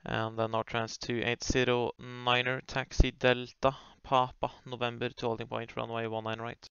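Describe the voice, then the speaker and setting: Creaky-voiced man on air traffic control radio. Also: medium pitch, completely flat delivery, moderate pace, a bit bright, dry recording. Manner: clipped procedural phrasing, polite. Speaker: air traffic controller on a flight simulation network. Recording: muffled lo-fi radio audio.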